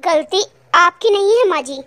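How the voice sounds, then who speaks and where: A bossy angry cartoon husband. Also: male voice, very high-pitched, animated, normal speed, exaggerated voice. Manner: harsh, domineering, shouting orders. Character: angry young husband throwing out his mother-in-law. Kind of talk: animated cartoon drama dub.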